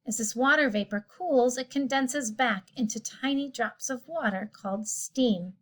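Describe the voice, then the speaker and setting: A woman's voice: a little high, measured pace, a bit bright. A woman teacher casually explaining a science lesson, often rephrasing as she goes. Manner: casual, explanatory, self-correcting.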